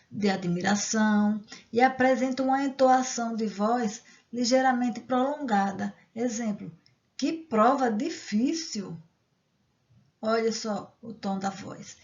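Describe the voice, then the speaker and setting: A woman's voice: on the high side, vocal fry, darkish tone, muffled recording. A woman teacher explaining grammar step by step, reading example sentences and checking in with the class. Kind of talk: grammar lesson.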